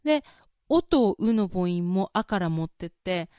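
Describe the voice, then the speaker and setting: A vocal coach and podcast host gives a casual spoken voice lesson, explaining things chattily and breaking into sung vowel demonstrations. Her voice is on the low side, with lively intonation and a measured pace, and there's background noise.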